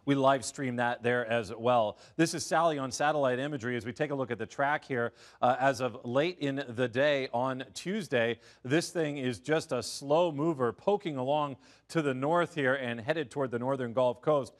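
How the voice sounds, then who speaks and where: A man with an American accent presenting a live broadcast weather forecast in a measured, informative way. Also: mid-range voice.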